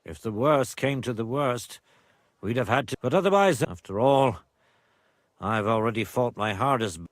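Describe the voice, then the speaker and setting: An actor playing a proud older nobleman and father in a medieval video game, speaking gravely and formally. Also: medium pitch, expressive, moderate pace, no echo, clean studio sound, lightly acted. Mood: reflective. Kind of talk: video game dialogue acting.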